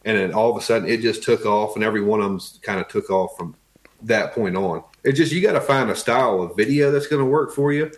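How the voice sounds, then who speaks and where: A man with an Appalachian accent and a fairly low voice talks casually in an interview. He sounds like a tradesman, plainspoken and folksy. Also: fast. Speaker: interview guest, wood flooring tradesman.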